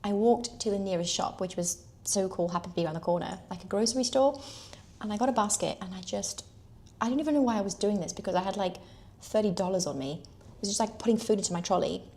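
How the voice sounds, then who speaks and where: A woman's voice: medium pitch, quick pace. Chatty young British woman telling a story. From United Kingdom. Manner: chatty, lots of "like", animated retelling. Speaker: equestrian telling her story. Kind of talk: personal storytelling.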